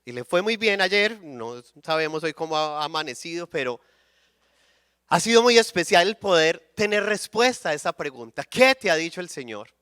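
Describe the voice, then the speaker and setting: A male preacher giving a sermon full of personal testimony, speaking in a high, bright voice. His tone is smooth and crisp, and the sound is dry and close with no room echo. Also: expressive, moderate pace. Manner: storytelling, acts out dialogue, checks in with "¿sí?". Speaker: conference speaker.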